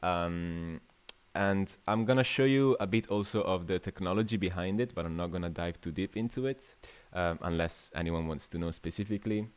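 Speaking from a small room in Italy, this twentysomething new media artist runs a relaxed livestream workshop and chats with his audience. His voice is low and clean, moving at normal speed. He sounds informal and a bit hesitant, frequently thinking out loud, with an Italian accent.

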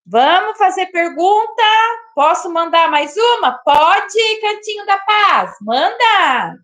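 Live-stream host, woman, very high voice, slow unhurried delivery, bubbly and exclamatory. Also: sing-song, a bit bright. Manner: exclamatory, laughs often, greets viewers by name. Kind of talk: casual live-stream chat.

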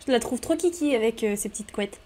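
A woman chatting casually while playing a life-simulation game, talking to her characters and getting excited at home at her microphone. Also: fairly high pitch, fast talker, slight background noise. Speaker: gaming YouTuber. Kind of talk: casual let's-play commentary. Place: home room. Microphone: desk microphone.

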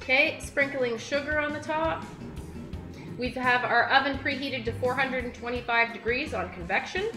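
A woman in her thirties hosts a cooking show from her home kitchen, chatty and full of praise for the food. Her voice sits a little high. The kitchen is echoey, with music playing beneath her. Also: normal speed. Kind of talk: presenting a home cooking video.

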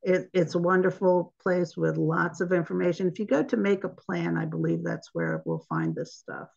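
A woman's voice: on the low side, expressive, normal speed, creaky, darkish tone. A woman giving an informal online presentation, chatty and laughing at her own slip-ups, heard over a video call. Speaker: webinar presenter. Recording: dull lo-fi webinar audio.

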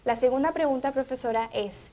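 A woman's voice: high voice, brisk, mellow. A woman with a Honduran Spanish accent, co-hosting an educational TV show, who reads out viewers' questions in an announcing tone. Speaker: TV co-host. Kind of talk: educational TV talk.

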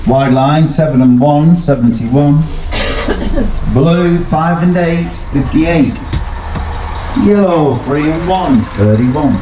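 A man's voice: a little high, takes it slowly, dark tone. A man working as a bingo caller, reciting numbers in formulaic, sing-song patter with rhyming nicknames. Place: seaside amusement arcade bingo hall. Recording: dull echoey arcade PA, background noise.

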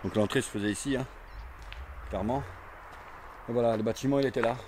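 A man's voice: mid-range voice, brisk, a little mellow, slight background noise. A man in his forties walks through an abandoned campsite, talking casually to his action camera with lots of fillers and repeats. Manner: chatty, rambling, many fillers and repeats. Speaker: urban explorer vlogger. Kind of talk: casual walking commentary to camera. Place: outdoors at an abandoned burned campsite. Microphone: handheld or chest action camera.

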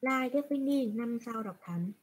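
A woman's voice: on the high side, animated, normal speed, slightly rough. A woman teaching Japanese in an online class, patiently asking questions and answering them herself. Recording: screen recording from a browser.

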